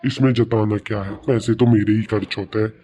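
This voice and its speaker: A man's voice: lowish voice, fairly even intonation, fairly quick, warm tone, a little hiss or hum, natural voice. A young man playing a long-suffering husband in a comic family skit, muttering asides to himself. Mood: grumbling. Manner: grumbling asides.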